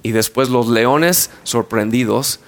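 A man's voice: mid-range voice, slow. A man preaching a sermon, retelling a story with playful asides and acted-out scenes. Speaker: pastor.

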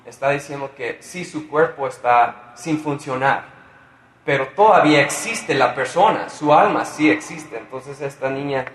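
A man's voice: medium pitch, measured pace, soft background music. Man preaching in an echoey room. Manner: lively, conversational, with asides and fillers. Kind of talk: sermon. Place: church in Mexico.

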